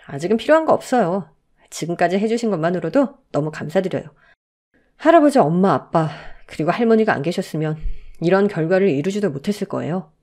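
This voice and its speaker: A woman voicing a polite, gentle young man who adores his mother. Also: fairly low pitch, lively intonation, brisk, close to an everyday voice. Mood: grateful.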